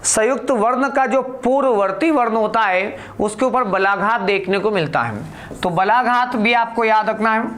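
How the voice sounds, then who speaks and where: Slow and deliberate, a high-voiced man with a slightly bright tone runs a grammar class for exam students. He poses questions to them, then answers his own questions.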